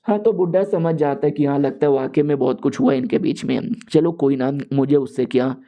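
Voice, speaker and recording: A man's voice: on the high side, highs cut off. A young man casually retelling a manga story in slangy speech, acting out the characters' lines as he goes. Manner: acts out all characters' lines in quick slangy dialogue. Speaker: manga recap narrator.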